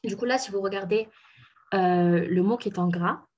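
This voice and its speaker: A woman teaching pronunciation in a relaxed explanatory way, pausing with fillers and correcting herself. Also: medium pitch. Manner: patient, many fillers and self-corrections. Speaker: Korean language teacher.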